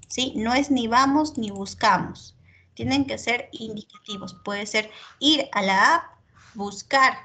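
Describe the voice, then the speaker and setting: A woman teacher, giving feedback in an online class and checking in constantly with her student between filler pauses. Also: medium pitch, pushed and bright.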